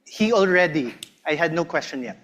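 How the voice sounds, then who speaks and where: Male defence counsel, slightly high voice, formal and persistent cross-examination in a courtroom. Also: expressive, normal speed, fairly bright tone.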